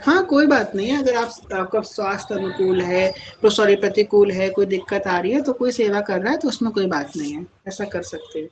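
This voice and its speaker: A woman guiding devotees in a live question-and-answer talk, speaking gently and patiently. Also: mid-range voice, brisk, few pauses, dull audio, a little hiss or hum. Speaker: spiritual guide answering devotees.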